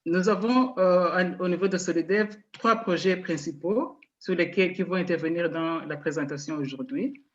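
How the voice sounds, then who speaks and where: A woman's voice: lowish voice, moderate pace, few pauses. A woman from Rwanda, a nonprofit coordinator, giving an online presentation with frequent hesitant fillers. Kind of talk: online presentation, switching to French. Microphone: video call. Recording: dull, muffled video-call audio.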